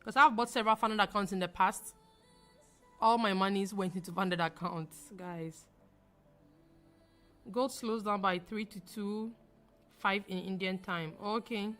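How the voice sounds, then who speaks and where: A young Ghanaian woman with a Ghanaian accent hosts a live trading stream, answering viewers in a chatty, emphatic style, repeating phrases and laughing easily. Her medium-pitched voice is fairly bright, with fairly even intonation and an unhurried pace broken by long pauses. Faint music plays behind her.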